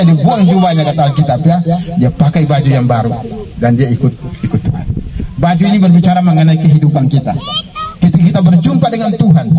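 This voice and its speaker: A man's voice: a little high, recorded from a distance. A man preaching a casual storytelling sermon, chatty, laughing at his own jokes and acting out the characters.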